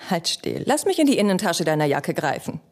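Playing a young noble wife, an actress pleads with her jealous husband in a measured, intimate dramatic monologue, her lowish, sing-song voice often sinking to a whisper. The mood is bitter.

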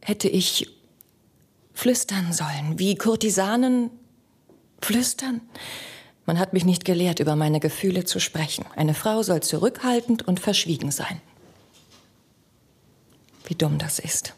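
An actress playing a young noble wife who pleads with her jealous husband in a measured, intimate dramatic monologue that often sinks to a whisper. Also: lowish voice, breathy edge, exaggerated voice. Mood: pleading.

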